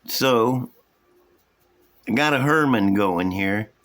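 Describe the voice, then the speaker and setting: A man with a slow, folksy drawl, casually showing and explaining his hobby projects to viewers. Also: on the low side, animated, a bit bright. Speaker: hobby model-building vlogger. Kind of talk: casual show-and-tell commentary.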